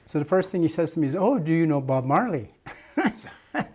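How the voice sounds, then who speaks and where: A man's voice: a little high, sing-song, a little fast, a little mellow, breathy edge. An older man from Jamaica, a muralist, recalling his past at length in an oral history interview, with many restarts and fillers.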